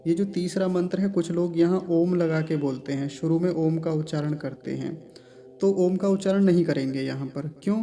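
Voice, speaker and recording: A man with a fairly high but mellow, soft-edged voice leads a recitation lesson. He breaks words into slow, deliberate syllables, then chants each line in an even, measured flow. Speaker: Sanskrit pronunciation teacher.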